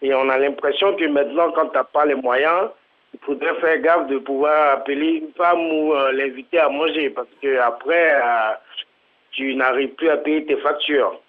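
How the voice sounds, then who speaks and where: A man's voice: fairly high pitch, steady tone, moderate pace. A man from Côte d'Ivoire calling into a live TV talk show, hesitant and full of fillers. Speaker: caller. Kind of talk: phone call to a live TV show. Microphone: telephone. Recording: tinny phone line.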